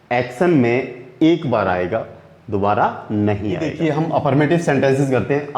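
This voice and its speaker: A man teaching English grammar in Hindi, often asking a question and answering it himself and repeating points slowly. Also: a little high, darkish tone. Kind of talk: Hindi classroom-style grammar lesson. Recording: echoey room.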